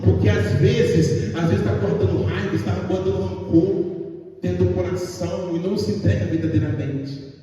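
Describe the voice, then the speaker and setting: A man's voice: high voice, warm tone. A man with a Brazilian Portuguese accent preaching a fervent evangelical sermon, repeatedly calling out to the congregation. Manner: fervent, repetitive, calls out to the congregation. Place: church hall. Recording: echoey hall, mic far off.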